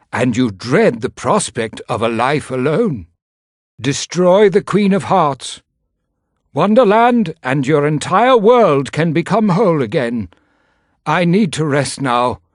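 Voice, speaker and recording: An actor playing a grave, weary, cryptic guide in a video game, speaking with solemn, admonishing deliberation. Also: male voice, on the high side, no echo, clean studio sound, heavily acted. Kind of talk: video game character acting.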